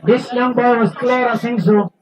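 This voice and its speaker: Nigerian guy calling a youth football match, high voice, slow and deliberate, sounds a bit far off the mic. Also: steady tone. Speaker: match commentator. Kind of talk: live football commentary.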